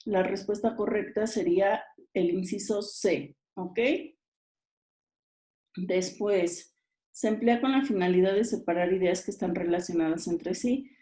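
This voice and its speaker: A woman's voice: medium pitch, dark tone. A woman teacher patiently explains exam answers and often checks that her listeners follow. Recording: roomy echo.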